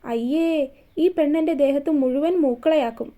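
Storybook reading: a woman voicing a fond, teasing young husband in a soft, mellow voice. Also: sits high, normal speed, natural voice. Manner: playful teasing.

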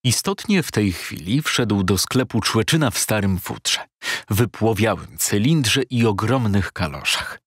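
A man reading a novel aloud in first person, in a measured storytelling manner, as an audiobook reader in a studio. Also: fairly low pitch, lively intonation, a bit bright, slightly rough, dry recording.

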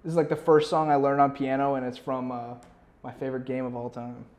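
A medium-pitched, level male voice comes across fairly quick and darkish. It belongs to a young adult musician rambling through an interview in casual slang and peppering his speech with "like." The setting is a small furnished room, recorded on a lapel mic.

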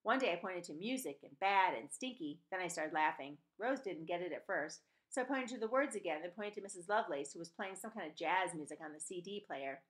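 Reading a children's novel aloud, a middle-aged woman storyteller uses a lowish, lively voice at a brisk clip with hardly any pauses, switching voices to act out the dialogue. She's recorded in a small room at home on a webcam or laptop mic at desk distance.

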